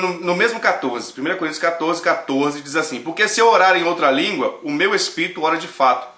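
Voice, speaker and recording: A man with a Brazilian Portuguese accent giving casual sermon-style commentary, joking and swinging between loud and hushed. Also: fairly high pitch, roomy sound. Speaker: pastor and show host.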